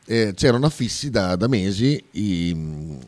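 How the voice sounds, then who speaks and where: A man's voice: fairly low pitch, lively intonation, measured pace, a little mellow, dry recording. A man with a Bolognese Italian accent co-hosting a radio show in casual, colloquial chat, with swearing and dialect words.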